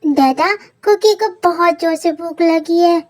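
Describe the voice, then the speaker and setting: A man's voice: extremely high pitch, measured pace. A reader voicing a clingy man who acts like a small child, in a fan audio story, with a babyish pleading whine. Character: whiny clingy little boy, babyish.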